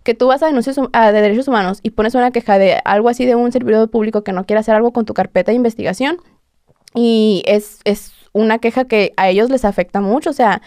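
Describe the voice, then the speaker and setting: A young woman with a Mexican accent, appearing as a podcast guest, tells her story casually with heavy fillers and acted-out quotes. Her voice is a little high and darkish, at a quick pace, in a dry, clean studio recording.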